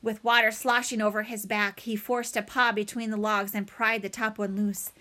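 A woman reading a children's novel aloud in a dramatic, expressive way. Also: medium pitch, moderate pace. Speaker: audiobook reader. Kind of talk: storybook read-aloud.

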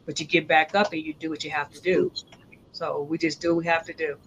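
A man's voice: on the high side, little pitch movement, a little fast, fairly bright tone, highs cut off, slight background noise. A man hosting a panel discussion, inviting guests to share, with encouraging brief affirmations. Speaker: panel host.

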